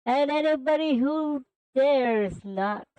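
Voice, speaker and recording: Infinite, a woman doing a slow gloating villain. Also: high-pitched, mellow, dry recording, soft background music, voice pushed up, rough recording. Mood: menacing. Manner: slow, grandiose threats that break into frantic stammering. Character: cold menacing male villain who calls others worms.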